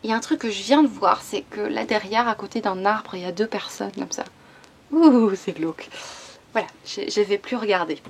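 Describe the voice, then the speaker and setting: A young woman from Belgium, chatting casually about her new books as a vlogger, often hesitating, restarting and filling pauses. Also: mid-range voice, creaky, a little hiss or hum. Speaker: book vlogger. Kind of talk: casual book haul chat.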